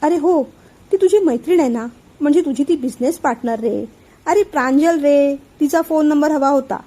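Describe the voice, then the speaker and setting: A nervous, evasive uncle fumbles for excuses, as a woman storyteller reads his part. The voice is mellow and high, in a read-aloud family story. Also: moderate pace, natural voice. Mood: flustered. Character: flustered, evasive middle-aged uncle.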